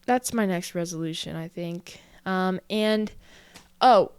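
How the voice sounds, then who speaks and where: A woman in her early twenties hosts a casual solo podcast in a fairly low, smooth voice at a slow pace. She chats in a self-reflective way, filling her speech with "like" and sounding a little out of breath, on a dry recording.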